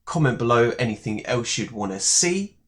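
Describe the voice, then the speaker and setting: A young man giving casual reaction commentary on a song, relaxed and rambling, with many fillers. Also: mid-range voice, moderate pace. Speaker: music reaction YouTuber.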